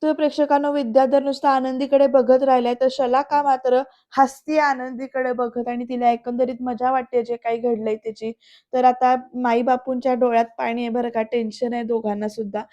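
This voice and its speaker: A woman's voice: high voice, level tone, normal speed, warm tone, lo-fi sound. A woman narrating a voice-over recap of a TV serial episode, retelling scenes and quoting the characters with heated emphasis.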